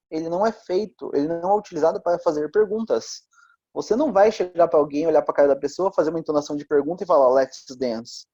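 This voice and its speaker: Animated husky man teaching English. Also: fairly high pitch, no room sound. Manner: chatty, checks in often with listeners. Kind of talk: explaining grammar in a class. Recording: dull lo-fi recording.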